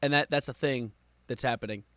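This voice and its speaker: A man doing live stream reaction commentary with exasperated, sarcastic complaining, moving between muttering and louder outbursts. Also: mid-range voice, brisk.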